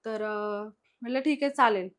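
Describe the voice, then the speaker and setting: Chatty woman telling a story, slightly high. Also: moderate pace, fairly bright tone. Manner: chatty, retells events with lots of quoted dialogue. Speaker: guest sharing personal experiences. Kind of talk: casual spoken storytelling.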